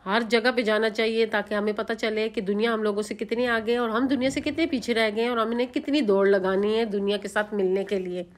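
A woman vlogger from Pakistan, narrating her outing in a chatty, homely voice-over. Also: fairly high pitch. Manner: chatty, homely, leans on filler phrases.

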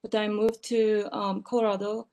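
A woman from South Korea introducing herself on a video call, sounding a bit tired and trailing off softly at the ends of phrases. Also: medium pitch, little pitch movement, normal speed. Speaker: early-career researcher. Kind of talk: online panel self-introduction.

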